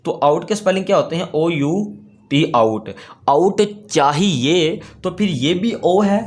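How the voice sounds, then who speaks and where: Lively-voiced male teacher drilling vocabulary. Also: a little high. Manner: patient, asks and answers his own questions; repeats key words slowly. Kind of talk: classroom lesson.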